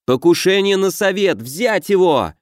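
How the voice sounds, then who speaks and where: A man's voice: high voice, lively intonation, measured pace, no echo, studio quality, voice pushed up. A man voicing a pompous, hysterical male official who shrieks orders and threats in an audiobook. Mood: shrieking outrage. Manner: screeching, indignant, shouting orders. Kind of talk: audiobook character voice.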